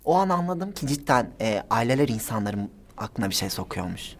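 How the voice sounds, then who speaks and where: A nineteen-year-old man telling stories as a guest in a casual interview, animated and giggly, acting out the people he quotes. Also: mid-range voice, brisk, a little hiss or hum. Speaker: guest, social media personality.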